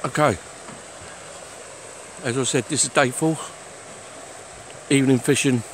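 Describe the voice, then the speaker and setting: An angler walks around a fishing lake filming his trip on a handheld phone, chatting in a casual, unhurried, plain-spoken way for his walk-and-talk vlog. His medium-pitched voice has fairly even intonation, and the low-quality recording picks up faint outdoor noise.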